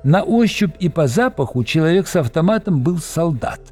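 Expressive male audiobook narrator. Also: on the high side, moderate pace, faint music behind. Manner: expressive storytelling.

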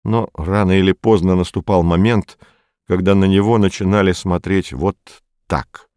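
A man narrating a novel as an audiobook in a measured, even way. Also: low voice, dry recording, clean studio sound.

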